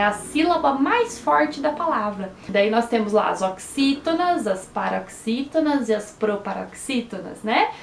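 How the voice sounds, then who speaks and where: Professora brasileira de voz aguda. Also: female voice, a little high, roomy sound, slight background noise. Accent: Brazilian Portuguese. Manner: slow, syllable-by-syllable explanations with frequent "né?". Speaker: teacher. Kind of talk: online lesson for children.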